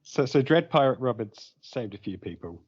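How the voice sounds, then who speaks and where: A man's voice: medium pitch, animated, normal speed, breathy edge. A man co-hosting a podcast, making his case in a hesitant way and often repeating words. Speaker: podcast co-host. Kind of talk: casual chat. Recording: dull lo-fi podcast audio.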